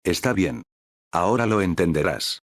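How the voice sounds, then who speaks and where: A man's voice: deep voice, animated, moderate pace, no echo, studio quality. A man voicing a cocky young man with time powers who talks in a mocking, offhand way. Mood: smug.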